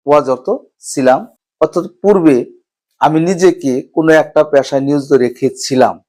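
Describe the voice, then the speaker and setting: A man's voice: mid-range voice, darkish tone. A man with a Bangladeshi accent teaching a spoken English lesson, patiently repeating each phrase step by step.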